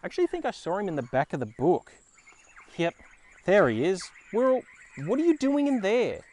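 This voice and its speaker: An Australian children's storyteller and show host reads aloud outdoors in a forest. His slightly high voice swings widely in pitch, and he's brisk, playful and expressive, speaking as though to young listeners.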